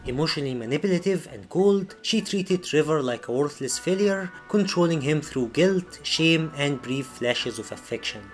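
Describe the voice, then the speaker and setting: A man reading scripted video essay narration in a serious, measured storytelling manner. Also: a little high, animated, faint music behind.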